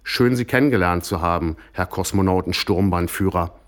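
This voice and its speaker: A man's voice: normal speed, lightly acted. A man voicing a strict, hysterical housewife mother who scolds and shrieks. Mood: scolding. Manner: scolding, shrill.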